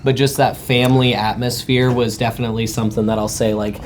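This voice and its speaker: A young man in his twenties talks casually as an interview guest, easygoing and quick to laugh. His sentences wander and restart as he thinks aloud. A faint noise sits under the recording. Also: mid-range voice, flat delivery. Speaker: guest alumnus.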